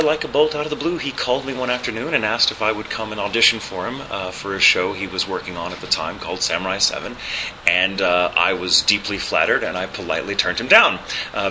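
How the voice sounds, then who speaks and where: A voice actor and ADR director from Texas tells reflective stories in an interview, his neutral American accent carrying a slight proper British lilt. He speaks articulately and in a measured way with a low voice, though frequent "uh" fillers and small restarts creep in, over a noisy background.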